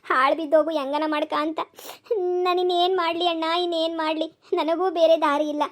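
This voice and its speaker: Voice actor doing a cartoon village woman, very high voice, wailing, pleading, melodramatic. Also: steady tone, moderate pace. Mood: tearful, pleading. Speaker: sister. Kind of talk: cartoon comedy voice acting.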